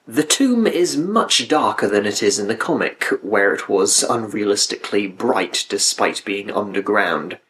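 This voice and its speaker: A man's voice: on the low side, expressive, measured pace, hardly any pauses, a bit bright. A man reading scripted review narration with dry, critical asides. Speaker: video essay narrator.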